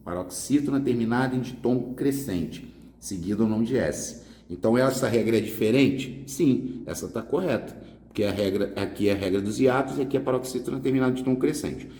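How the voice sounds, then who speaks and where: A man's voice: medium pitch, brisk, dark tone. A man teaching a casual exam prep grammar lesson, explaining step by step and answering his own questions. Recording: echoey room with long reverb.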